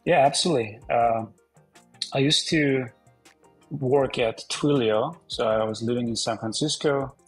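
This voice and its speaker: A man's voice: mid-range voice, a little slow, husky, soft background music, rough recording. A man in his forties from Armenia, a podcast guest speaking casually over a video call, with frequent fillers and restarts. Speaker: podcast guest, company founder. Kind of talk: casual interview talk. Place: indoor room.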